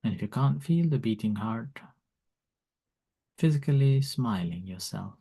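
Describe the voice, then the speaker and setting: A man, a monk teaching meditation, gently leads a calm grounding exercise in slow, soft instructions with long pauses. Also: medium pitch, creaky, breathy edge.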